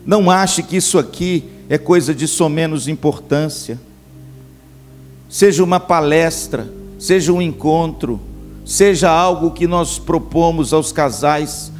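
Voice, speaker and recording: A man's voice: on the high side, unhurried, faint music behind. A middle-aged male pastor preaching a sermon at a church camp, speaking to his listeners as brothers. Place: church camp meeting hall.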